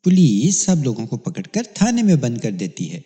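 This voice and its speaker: A man's voice: medium pitch, huge pitch swings, dark tone, in a large hall. A man voicing an innocent, earnest eight-year-old boy with a raised, eager voice in a read-aloud crime story. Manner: eager, naive replies.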